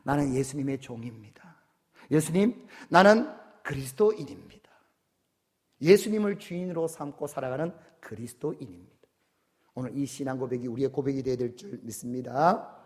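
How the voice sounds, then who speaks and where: A man's voice: mid-range voice, animated, moderate pace, darkish tone. A man pastor preaching a sermon in an emphatic way, often putting questions to his congregation.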